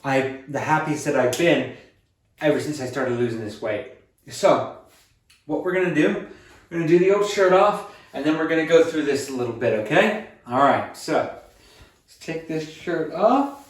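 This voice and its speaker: An American man in his late twenties, voice on the high side with lively intonation and moderate pace, chats casually and earnestly in a weight-loss vlog. He's upbeat and self-encouraging, using fillers and restarts. He sounds far from the mic in an echoey room, sometimes off-mic.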